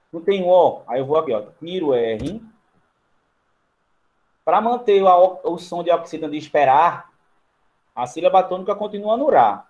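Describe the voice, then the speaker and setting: A man's voice: a little high, darkish tone. A man with a Brazilian accent teaching a grammar lesson. He explains each step in turn while writing on a board and keeps checking in with the class. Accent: Brazilian Portuguese. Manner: writes on a board while talking.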